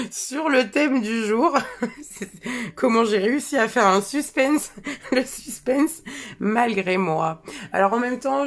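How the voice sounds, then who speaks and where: A French woman leads a live meditation circle and talks into a microphone on a stand. Her tone is loose and chatty, with many fillers, restarts and small laughs as she welcomes viewers. Her pitch sits in a middle range for a woman. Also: vocal fry. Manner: greets viewers by name, laughs often. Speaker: meditation and hypnosis guide. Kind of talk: casual live-stream talk.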